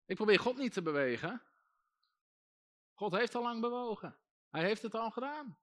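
A man's voice: high-pitched, lively intonation, moderate pace. A man, a pastor, preaching a sermon and calling out to his congregation. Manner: preaching with rising emphasis and calls to the congregation.

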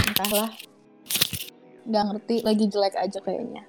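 Suara perempuan putus-putus lewat panggilan online. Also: female voice, mid-range voice, normal speed, over loud music. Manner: relaxed, slangy, laughs easily. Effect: choppy, dropping-out internet call audio. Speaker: podcast co-host. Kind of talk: casual chat. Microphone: home online call over wifi.

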